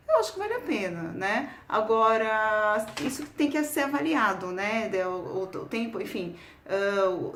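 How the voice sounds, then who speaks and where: A Brazilian woman with a Brazilian Portuguese accent, explaining travel tips to camera in a casual, chatty way. She tacks a quick question onto nearly every phrase and repeats words while she looks for the next one. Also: fairly high pitch, a little hiss or hum. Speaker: travel vlogger. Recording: roomy echo.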